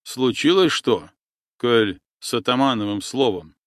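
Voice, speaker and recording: A gruff male boatman on watch, as a narrator puts him on, stern and loud, calling out orders in a raised, drawn-out voice. The sound is dry and close. His pitch moves widely. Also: animated, dry recording.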